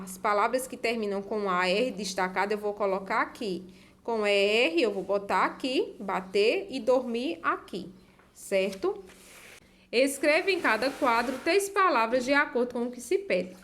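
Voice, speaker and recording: A woman teacher patiently walking young pupils through a textbook exercise, repeating words and stretching them out slowly so the children can follow. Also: fairly high pitch, fairly bright tone.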